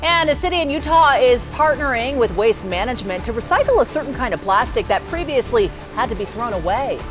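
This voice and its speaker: A woman news anchor reading studio copy in a polished, even way. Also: fairly high pitch, fairly quick, over music.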